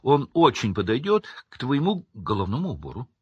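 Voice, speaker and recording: A man's voice: mid-range voice, big pitch swings, brisk, slightly rough, no echo, muffled recording, pitched above the performer's own voice. A man voicing a friendly, generous teenage boy in a storybook reading.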